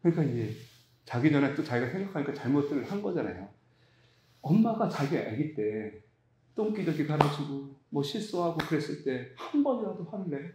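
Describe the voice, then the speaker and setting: A man's voice: moderate pace, roomy sound, a little hiss or hum. A man preaching a sermon, telling a story with emphatic, rising delivery. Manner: storytelling, emphatic, rising to high excited pitch. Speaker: pastor.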